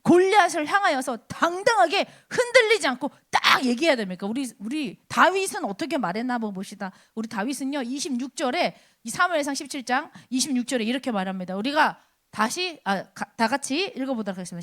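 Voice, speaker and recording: A woman preaching at a church service, with a high-pitched voice. Her delivery is animated and swings widely up and down in pitch. She drives her points home by repeating rhetorical questions. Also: brisk. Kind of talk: sermon.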